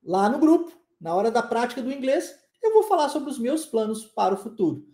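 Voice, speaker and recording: A Brazilian woman teaching an online English lesson, repeating phrases slowly for students to echo. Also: a little high, sing-song, mellow. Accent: Brazilian Portuguese.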